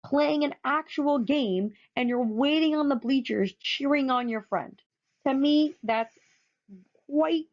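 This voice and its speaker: A woman narrating a photo presentation, enthusiastic and often repeating words for emphasis. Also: a little high. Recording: dull lo-fi recording.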